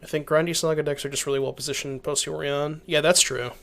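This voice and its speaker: A young man with a stuffy, worn voice talks fast as he streams a card game, chatting with viewers. His pitch is a little high and his tone fairly bright and creaky, yet his delivery is flat; he thinks aloud, reads chat and keeps restarting his sentences.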